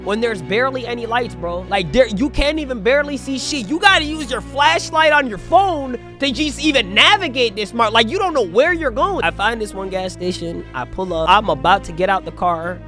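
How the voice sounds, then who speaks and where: A young man spins a comedic, profane story for his channel, his voice sitting high and lively. Slang and swearing carry the telling. Music plays loud beneath him the whole way. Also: normal speed, few pauses. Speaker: storytime vlogger. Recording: music playing loudly under the voice. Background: background music.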